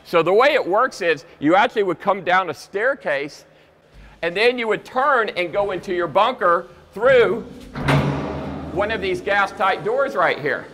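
Bright-voiced man in an echoey bunker. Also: high-pitched, expressive, a little slow. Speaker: bunker company owner giving a tour. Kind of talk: casual walkthrough and product demonstration. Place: inside steel underground bunkers and shelters. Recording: echoey enclosed space, faint background noise.

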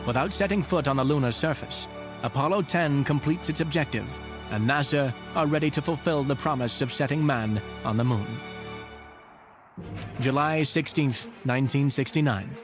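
A man's voice: medium pitch, moderate pace, over music. A man reading scripted historical narration as a documentary narrator in a voice-over. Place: voice-over recording with music behind.

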